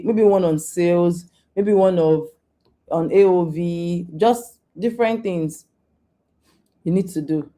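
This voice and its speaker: A woman answers questions in a live online session over a video call. Her voice sits low and mellow, with a relaxed, warm tone. She talks informally, restarting and repeating herself as she coaches. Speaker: guest speaker on data careers.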